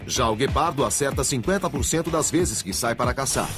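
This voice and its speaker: Man, Brazilian accent, mid-pitched voice, dramatic scripted documentary narrator, music underneath. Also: lively intonation, fairly quick. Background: music bed.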